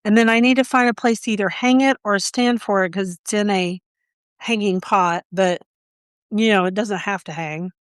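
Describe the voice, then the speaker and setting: Woman podcast co-host, from Oklahoma, chatty storyteller, smooth clear voice, dry close mic. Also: mid-range voice, dry recording. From Oklahoma, USA. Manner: chatty storyteller, quick asides. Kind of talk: casual chat.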